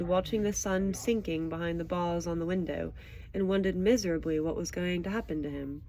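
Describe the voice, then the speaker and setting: Here a mid-range, slightly mellow female voice reads storybooks aloud with expression, then talks them over casually with a child. The speaker is an audiobook reader and show host, captured on a low-quality recording.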